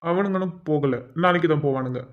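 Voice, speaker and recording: A man's voice: on the high side, fast, lightly acted. A man voicing a teasing young husband and father in a cartoon, chatty and full of joking asides. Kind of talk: cartoon voice acting. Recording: dull lo-fi recording.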